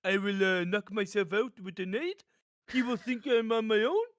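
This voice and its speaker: A man's voice: sits high, normal speed, no echo, studio quality, voice pushed up, close to an everyday voice. A man voicing a smug male French esports player in a mock French accent, speaking gleeful broken English.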